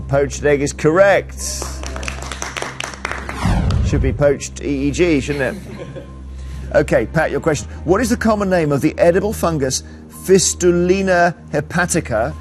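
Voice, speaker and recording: A man's voice: on the high side, darkish tone. A man hosting a TV quiz show, reading questions and bantering with the contestants in a teasing way. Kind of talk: TV quiz presenting.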